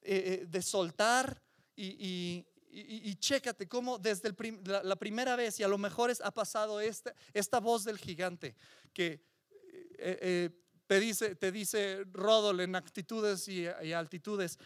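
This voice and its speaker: Pastor preaching, kinda high voice, dry close sound, lots of repeating and questions. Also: male voice, unhurried, clear, resonant tone, no room sound. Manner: emphatic preaching with repetitions and rhetorical questions. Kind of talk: sermon.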